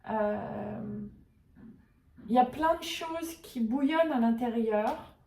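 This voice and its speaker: A woman with a higher, mellow voice talks through an intuitive oracle card reading, often pausing to search for the right words. Her voice sits a little back from the mic in a roomy space with noticeable echo. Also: recorded from a distance, a little hiss or hum. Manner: hesitant, searching for words with many fillers. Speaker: tarot and oracle card reader.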